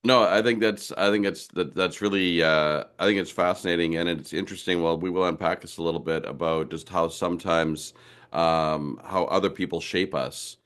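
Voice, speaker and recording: Deep-voiced enthusiastic podcast host. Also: male voice, steady tone, moderate pace, a bit bright. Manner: enthusiastic, rambling, playful metaphors. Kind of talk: casual interview chat.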